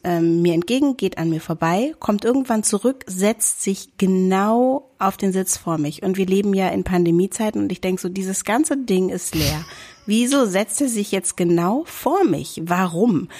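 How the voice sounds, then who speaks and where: A woman chatting casually, telling an anecdote and acting out shouted quotes. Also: lowish voice. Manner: animated storyteller, acts out shouted quotes.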